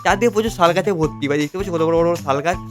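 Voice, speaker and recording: A young man narrating an outdoor forest vlog, excitable and constantly calling out "bhai". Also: sits high, rapid-fire. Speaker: vlogger. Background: music.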